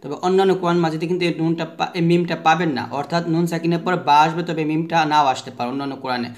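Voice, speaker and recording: A man teaching the rules of Quran recitation. He asks the class a question, answers it himself, and chants the letter sounds slowly for listeners to repeat. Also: on the high side, steady tone. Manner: has listeners repeat after him. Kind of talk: tajweed lesson.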